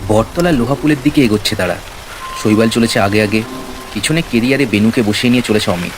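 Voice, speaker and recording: This narrator has a lowish voice and talks quickly as he reads a scripted horror story in storytelling fashion. Behind him are rain sound effects and ambient noise.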